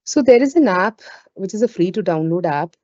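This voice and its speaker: A woman's voice: medium pitch, animated, normal speed, a little mellow. A woman with an Indian accent giving an informal live webinar as a trainer, speaking conversationally with frequent "you know" asides. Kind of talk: informal live webinar talk with audience questions. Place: indoors on an online webinar call. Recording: roomy, dull lo-fi webinar audio.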